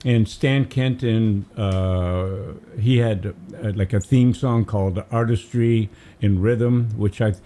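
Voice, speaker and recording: A man's voice: fairly low pitch, steady tone, takes it slowly, hardly any pauses, mellow. An older man from Massachusetts, a guest radio DJ rambling enthusiastically in casual studio chat, humming tunes as he tells stories. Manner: rambling, enthusiastic storytelling, hums melodies.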